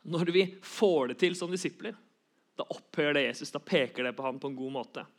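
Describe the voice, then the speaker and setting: A young man giving an earnest sermon, repeating key phrases for emphasis. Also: fairly high pitch. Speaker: preacher.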